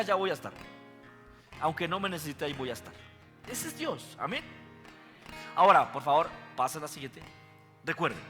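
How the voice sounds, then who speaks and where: A man's voice: fairly high pitch, bright, forceful tone. A male pastor giving a sermon, teaching and putting questions to his congregation. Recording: echoey hall with faint guitar.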